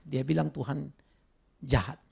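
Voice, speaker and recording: A male pastor preaching a sermon in an animated way. He slips English words into his talk and acts out the people he quotes. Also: a little high, unhurried, vocal fry, husky.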